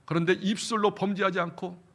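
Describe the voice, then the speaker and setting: A pastor preaching a sermon in an animated way. He fires questions at the congregation and calls for amens. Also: high voice, brisk, background noise. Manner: animated, asks the congregation questions and answers them. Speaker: senior pastor. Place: church sanctuary.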